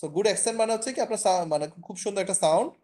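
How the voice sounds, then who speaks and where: A man's voice: sits high, quick pace, a little mellow. Bengali-speaking man teaching an online French class. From Bangladesh. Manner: explains in Bengali mixed with English and French phrases, many fillers. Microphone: video call.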